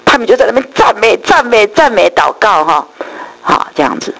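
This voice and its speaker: Middle-aged woman, gravelly edge, animated church testimony. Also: medium pitch, low-quality recording. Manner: lively storytelling, acts out quoted voices, many drawn-out particles. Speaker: church speaker giving testimony. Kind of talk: spoken testimony storytelling.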